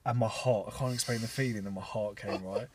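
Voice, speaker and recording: A young man, a podcast co-host and new father, tells stories in lively, swearing casual chat full of laughter. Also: lowish voice, a little fast, distant mic, crowd noise. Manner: animated storyteller, swears, laughs.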